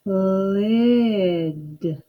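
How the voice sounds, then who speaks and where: Female phonics prompt voice, dull lo-fi sound, isolated words and sounds modeled very slowly with exaggeration. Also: medium pitch. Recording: dull lo-fi playback.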